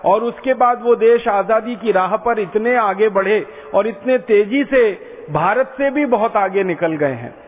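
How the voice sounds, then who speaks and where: Speaking unhurriedly in a high voice, an Indian man gives a fervent public lecture, pressing every point through repeated parallel phrasing. His audio has a thin, phone-like quality and rings through a reverberant hall.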